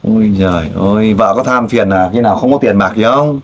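A man interviewing a guest in a casual way, pressing with pointed, teasing questions and loud exclamations. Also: lowish voice, a little fast. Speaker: street interviewer.

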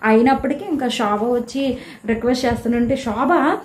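A woman giving a casual, animated recap of a reality show episode, telling who quarreled with whom. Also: fairly high pitch, normal speed, slight background noise. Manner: chatty, animated retelling of quarrels. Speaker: show reviewer. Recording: echoey room.

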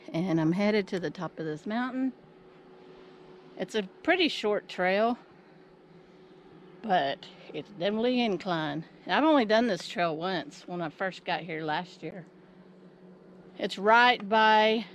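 A middle-aged woman talking casually to her camera as she hikes, somewhat out of breath, musing aloud in short phrases. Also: mid-range voice. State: out of breath from climbing. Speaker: vlogger. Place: outdoors on a wooded hillside trail. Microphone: handheld camera at arm's length. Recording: outdoor trail sound with clear background noise.

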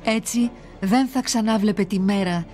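A woman narrates an ancient myth for a children's series in a steady, measured storytelling voice. Her pitch sits in the middle range, and soft music plays quietly behind her.

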